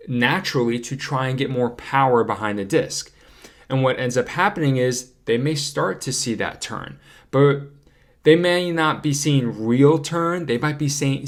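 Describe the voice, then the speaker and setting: A man hosting a disc golf podcast, talking casually and explaining patiently with frequent fillers and self-corrections while checking his notes. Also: mid-range voice. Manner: reads from notes. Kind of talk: casual instructional talk.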